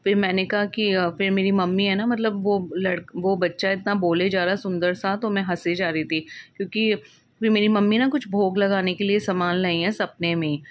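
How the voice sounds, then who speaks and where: A woman of mid pitch tells a personal story in a casual, conversational way. She wanders through the telling, often breaking off and restarting her sentences as she remembers details. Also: steady tone, moderate pace. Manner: meandering, with frequent restarts and self-corrections. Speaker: devotee sharing a personal experience.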